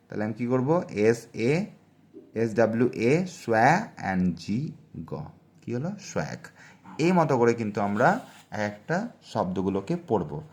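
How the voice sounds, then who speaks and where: Male teacher, mid-pitched, unhurried delivery, spells letters aloud and keeps checking in. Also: darkish tone. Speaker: English teacher. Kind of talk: spoken phonics lesson.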